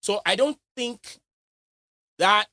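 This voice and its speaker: A man's voice: high voice, takes it slowly, pushed and bright, no echo. A man in a casual studio podcast chat, emphatic and repeating phrases to drive his point home.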